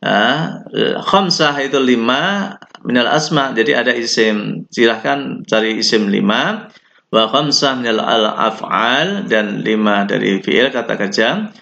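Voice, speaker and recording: A man with an Indonesian accent teaching an Arabic lesson, reading Arabic phrases and explaining them slowly. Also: medium pitch, animated, vocal fry, pushed and bright. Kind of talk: recorded online lesson. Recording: dull lo-fi recording.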